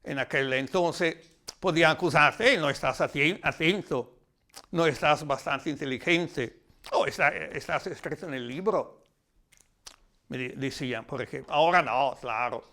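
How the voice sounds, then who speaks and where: An Italian lecturer gives a reflective, explanatory talk in a language that isn't his native one, with an Italian accent. He sometimes halts while searching for words. His voice is a little high, pushed, and bright.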